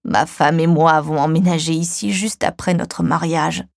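A woman voicing a frail, grieving elderly man who speaks slowly and weakly. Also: low-pitched, fairly even intonation, vocal fry, no echo, clean studio sound. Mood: sorrowful. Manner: slow, weak, quiet delivery.

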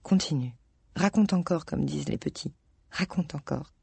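A reader voicing a gentle older man who listens kindly and answers in a soft, reassuring way, in an audiobook reading. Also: mid-range voice, normal speed, vocal fry, breathy edge, dry recording, full character voice.

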